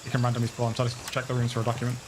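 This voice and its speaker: Flat-voiced man calling out in-game. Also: medium pitch, very fast, background noise. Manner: calm, matter-of-fact guidance. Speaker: teammate in a tactical shooter. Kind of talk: casual gameplay chat and callouts. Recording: loud game sounds behind.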